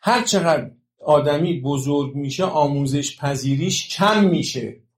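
A man's voice: on the high side, animated, roomy sound. A man giving a religious talk on education, explaining points and checking in with rhetorical questions to his listeners. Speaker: religious lecturer.

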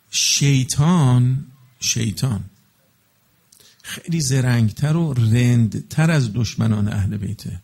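A man preaching in a casual spoken style, explaining with everyday examples and checking in with listeners, slowing into chanted Arabic blessings. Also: fairly high pitch, gravelly. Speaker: religious preacher. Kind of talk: colloquial religious talk to an audience.

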